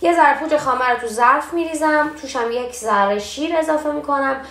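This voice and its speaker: A woman's voice: high voice, a bit bright. A young woman hosting a cooking show at home, chatting casually as she explains each step. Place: home kitchen. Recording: echoey kitchen, faint background noise.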